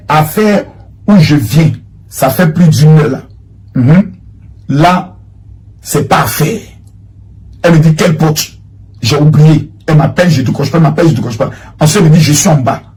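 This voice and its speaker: Man, husky voice sitting a bit high, animated rambling commentary. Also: moderate pace. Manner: animated, rambling, repeats himself while searching. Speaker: online commentator. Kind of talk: livestream commentary reading chat screenshots.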